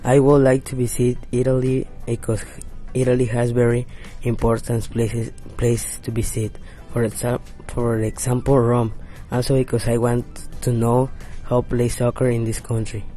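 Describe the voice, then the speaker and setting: A man's voice: mid-range voice, completely flat delivery, moderate pace, hardly any pauses, warm tone, soft background music. A man from Mexico, giving a hesitant class presentation full of restarts. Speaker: English learner.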